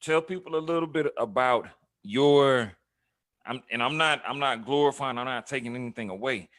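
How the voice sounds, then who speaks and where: A man in his thirties hosting an interview, talking in an affirming, brotherly, halting way. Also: mid-range voice, fairly bright tone, dry recording, studio quality. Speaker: host. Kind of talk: casual interview talk.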